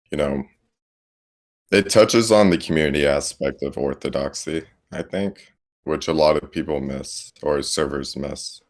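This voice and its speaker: A man in his twenties from Texas, chatting easygoingly as a podcast guest. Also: very deep voice. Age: 20s. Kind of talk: casual chat.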